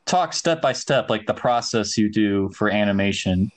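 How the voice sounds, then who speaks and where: A young man from Ohio hosts a casual podcast in a fairly low voice, with lively intonation at a moderate pace. He's easygoing and laid-back, sprinkling his chat with slang.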